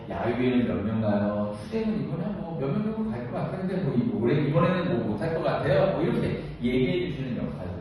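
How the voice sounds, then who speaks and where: A woman giving a training lecture to union branch leaders, lively, often asking the audience questions and acting out quotes. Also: a bass voice. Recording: echoey hall, distant mic, dull sound, faint noise.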